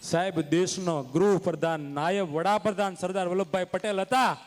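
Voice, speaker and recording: A man with a Kathiawadi Gujarati accent telling stories from a stage, oratorical and emphatic, building to forceful declarations. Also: high voice, fairly even intonation, moderate pace. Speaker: stage comedian and storyteller. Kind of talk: live folk stage storytelling. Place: stage before an audience. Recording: reverberant live stage hall.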